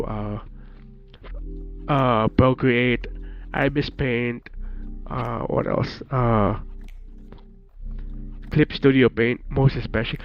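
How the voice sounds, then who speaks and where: A Filipino man in his twenties, from the Philippines and speaking with a Filipino accent, chats casually with his stream viewers in a mid-range voice while slightly sick. He laughs often and teases them with joking swears. The stream audio is dull and lo-fi, with faint music.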